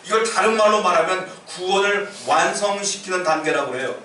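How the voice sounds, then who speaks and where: A man's voice: high voice, brisk, pushed and bright, slight background noise. A male pastor giving a sermon in a conversational, storytelling manner, recorded in a church sanctuary. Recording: echoey church hall from far off.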